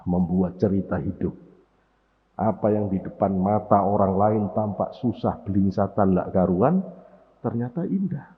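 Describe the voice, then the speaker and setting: Dramatic male preacher in an echoey hall. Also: fairly low pitch. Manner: dramatic storytelling, swings from loud to hushed. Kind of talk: morning sermon. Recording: tinny lo-fi, long hall reverb.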